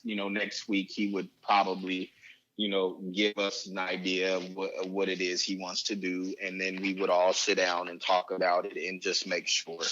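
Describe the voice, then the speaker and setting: A man's voice: on the low side, a bit bright, highs cut off. A middle-aged man chatting casually in an interview, rambling and hesitant, often repeating himself. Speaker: father of a recruited athlete, interviewee.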